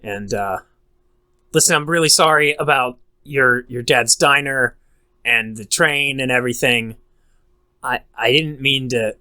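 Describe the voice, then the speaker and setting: A man's voice: mid-range voice, a little slow, bright, forceful tone, clear, resonant tone, dry recording. A man as a player in a tabletop game, describing his actions hesitantly with many fillers. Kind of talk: casual tabletop role-play.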